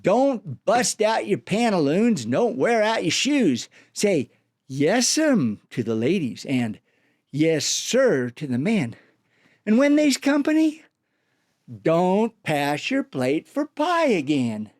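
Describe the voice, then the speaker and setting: A man reciting folksy cowboy poetry in an animated way, with a cowboy drawl and rustic dialect. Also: high-pitched, slow pace, dry recording, studio quality. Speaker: cowboy poet, storyteller.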